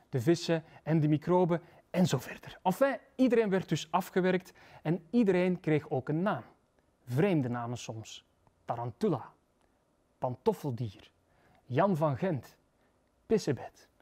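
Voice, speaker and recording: Flemish man, storybook read-aloud, lively, playful, library reading room. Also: a little high, unhurried. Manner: lively, playful, voices characters. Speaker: storybook reader, literature lecturer.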